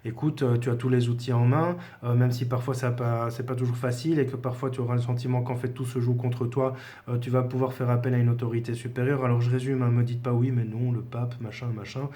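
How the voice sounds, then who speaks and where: A man's voice: medium pitch, flat delivery, quick pace, warm tone. A man giving a casual spoken tarot lesson, talking informally to the viewer with frequent hesitations. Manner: conversational, addresses viewer informally, many fillers. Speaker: tarot teacher.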